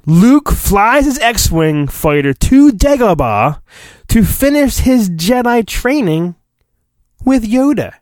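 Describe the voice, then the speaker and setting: Very animated and slow-paced, this man's high voice has a darkish tone with no room sound at all. As a podcast host, he gives a hammy, comically dramatic storybook reading, interrupting himself with crude jokes.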